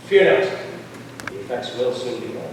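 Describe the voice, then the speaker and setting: A man's voice: mid-range voice, sing-song, a little mellow, slight background noise. Man as brooding, tormented John Jasper, echoing hall. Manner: halting, formal. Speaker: actor in a stage musical. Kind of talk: theatrical stage acting. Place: school theatre stage, audience recording. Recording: echoey hall from far off.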